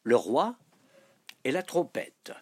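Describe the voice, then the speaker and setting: A man reading a storybook aloud in a soft voice that sometimes drops to a whisper. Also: medium pitch, huge pitch swings, takes it slowly, slightly rough. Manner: soft, dropping to a whisper on some phrases.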